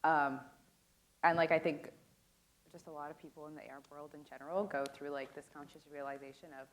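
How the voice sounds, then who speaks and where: A young adult woman casually moderates a panel discussion in a conference room, speaking into a handheld microphone and filling her talk with "like" and "um." Her deep voice is fairly even and brisk. The recording is rough, with slight background noise.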